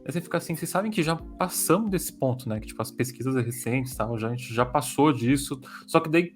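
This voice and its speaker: A Brazilian man with a mid-pitched voice talks casually, as in an interview. His articulation is a little hampered by braces on his teeth, and he stumbles and restarts phrases. Soft music plays behind him. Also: animated. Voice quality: slightly impeded articulation from dental braces. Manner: halting, stumbles over words, repeats phrases.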